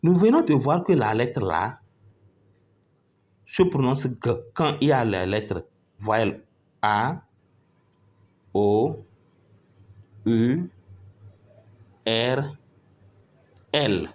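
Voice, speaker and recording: A man's voice: mid-range voice, expressive, very slow, long pauses. A male teacher giving a patient phonics lesson, spelling out letters and syllables one by one and often checking that his pupils are following.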